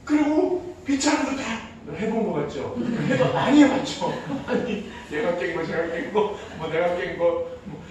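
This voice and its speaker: A man preaching a Sunday sermon in a conversational, storytelling way, with a high voice. His words ring through a very echoey church sanctuary, picked up by a distant mic with a faint hiss. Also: expressive, a little slow, hardly any pauses, a little mellow. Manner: conversational, telling everyday stories. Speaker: pastor.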